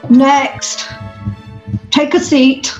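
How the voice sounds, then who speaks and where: A woman playing a brusque, unimpressed job centre clerk in a pantomime sketch, questioning curtly and deliberately. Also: high voice, flat delivery, lo-fi sound, soft background music. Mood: brusque, deadpan.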